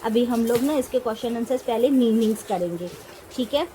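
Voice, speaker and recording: A woman's voice: on the high side, mellow, slight background noise, poor audio. A woman, teaching children an English poem and spelling each word out letter by letter. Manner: spells letter by letter, slow and clear. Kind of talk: explaining a poem and spelling words aloud.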